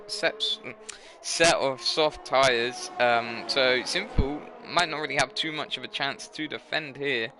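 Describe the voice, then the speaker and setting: A man's voice: medium pitch, background noise. Tired young man commentating sim racing. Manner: rambling, self-correcting, tired. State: tired, yawning. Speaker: race commentator.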